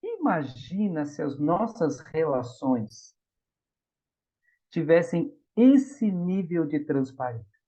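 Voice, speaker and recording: A middle-aged Brazilian man lectures with a lively, sweeping pitch and acts out the voices in his stories. The recording sounds dull and lo-fi. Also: slow. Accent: Brazilian Portuguese. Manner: animated storytelling, acts out quoted voices. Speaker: spiritist lecturer. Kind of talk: public lecture on the gospel.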